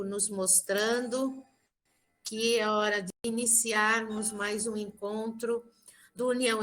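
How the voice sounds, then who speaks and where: A woman with a Brazilian Portuguese accent opening an online spiritual meeting as host, with gentle, welcoming words. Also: medium pitch. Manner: gentle, welcoming, addresses listeners affectionately.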